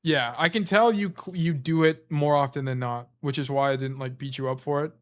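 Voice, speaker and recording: Losing his voice as he goes, a male stream host coaches by reviewing gameplay, his explanations casual, rambling and packed with fillers. He sounds a bit bright, pitched on the high side, and speaks a little fast.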